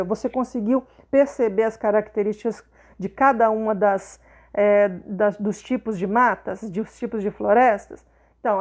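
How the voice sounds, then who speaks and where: Woman, teacher, patient explainer, voice a bit high. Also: a little mellow. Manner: patient, checks understanding with tags like "tá?" and "né?". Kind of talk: explaining a lesson to pupils.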